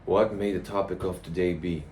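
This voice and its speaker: A man giving a casual, rambling vlog monologue in a blunt, profane, halting way. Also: deep voice, fairly even intonation, a little mellow. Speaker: vlogger. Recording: noticeable background noise.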